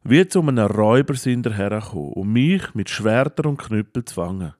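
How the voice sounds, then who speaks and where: A man reading Jesus in a storybook, a gentle and sorrowful grown man. He speaks softly and plainly. The sound is close and dry. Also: fairly low pitch, lively intonation, a little fast, no room sound, natural voice. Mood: sad.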